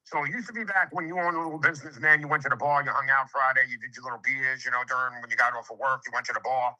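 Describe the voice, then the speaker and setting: A man's voice: medium pitch, steady tone, racing, sharp tone, rough recording. Brash streetwise contractor man in his fifties. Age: 50s. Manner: brash, streetwise, lectures with swearing and acted-out quotes. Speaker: home improvement contractor. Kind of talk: casual sales conversation.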